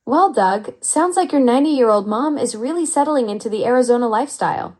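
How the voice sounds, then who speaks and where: A synthetic woman's voice of an AI chat assistant, upbeat and flattering with smooth, even delivery. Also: fairly high pitch, fairly quick. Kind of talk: conversational AI reply.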